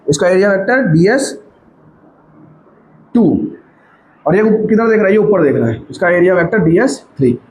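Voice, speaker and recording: A high-pitched male physics teacher who talks through the lesson step by step, repeating himself and coaxing students to keep up. His voice rings in an echoey room, with faint noise behind it. He drops in light teasing asides along the way. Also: darkish tone. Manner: repetitive, coaxing, keeps checking students follow. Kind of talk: classroom lecture at a board.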